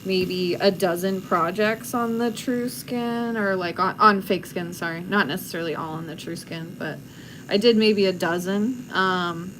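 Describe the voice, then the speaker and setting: A woman's voice: lowish voice, a little slow, a bit bright, a little hiss or hum, rough recording. A woman tattoo artist hosting a casual livestream chat while she works, speaking frankly and laughing easily. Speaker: tattoo artist and channel host.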